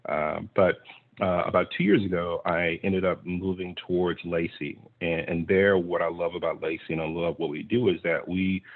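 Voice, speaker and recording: A man's voice: sits low, little pitch movement, moderate pace. A man from Texas speaking on a panel as a clean tech investor, telling his story in an earnest, reflective way over a video call. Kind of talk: conversational panel talk. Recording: tinny video-call audio.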